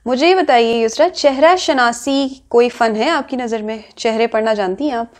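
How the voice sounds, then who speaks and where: Woman, interview host, fairly high voice, attentive, short affirmations, pious interjections. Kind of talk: interview conversation.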